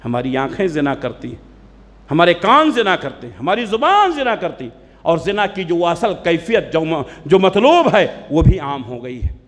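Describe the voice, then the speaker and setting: A man's voice: high-pitched, big pitch swings, normal speed. A man preaching a fervent sermon in a mosque, firing rhetorical questions at the congregation and chanting scripture. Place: large mosque hall. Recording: long hall reverb.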